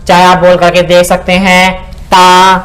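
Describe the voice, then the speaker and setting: A man with a high, light voice explains pronunciation as a teacher would. He speaks, sounds out syllables one at a time, and keeps checking that his listeners are following. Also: steady tone, fairly bright tone. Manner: repeats "ठीक है ना" and sounds out syllables slowly. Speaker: Sanskrit grammar teacher. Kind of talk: spoken lesson explaining pronunciation.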